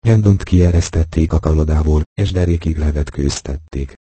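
A man narrating an audiobook in a steady, measured storytelling manner. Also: extremely low pitch, no echo. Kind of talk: scripted narration.

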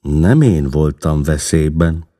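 A man's voice: extremely low pitch, expressive, warm tone. A man voicing a bold, defiant young newcomer who talks in a challenging way. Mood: calm.

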